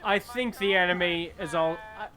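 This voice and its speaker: A man chatting on a group commentary, lively and halting as he searches for words. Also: high-pitched. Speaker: co-host. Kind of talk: commentary chat.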